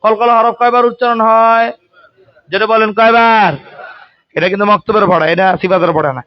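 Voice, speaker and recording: High-voiced man teaching recitation. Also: fairly even intonation, a little fast, no echo. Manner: calls on students to answer aloud; colloquial, joking asides. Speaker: religious teacher. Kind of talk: Quran recitation lesson. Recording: dry, dull lo-fi sound.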